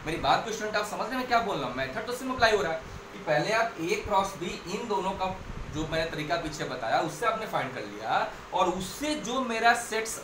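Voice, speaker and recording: A man teaches a maths lesson at the blackboard step by step, repeating key points and slipping English phrases into his explanations. His voice sits high, and the distant mic in an echoey room picks up a noisy background.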